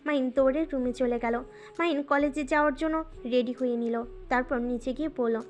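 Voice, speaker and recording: A woman doing scripted narration of a romance audio story in a smooth, even storytelling manner. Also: high voice, a little fast.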